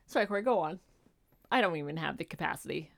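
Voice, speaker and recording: A woman co-hosting a casual podcast, chiming in with quick, wry remarks. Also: low voice, expressive, vocal fry. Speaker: podcast co-host. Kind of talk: casual chat.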